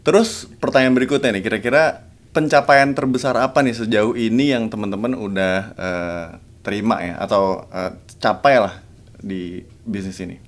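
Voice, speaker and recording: A man hosting a casual podcast chat. He talks in a relaxed, easygoing way and often pauses on fillers. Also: on the low side. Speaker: podcast host.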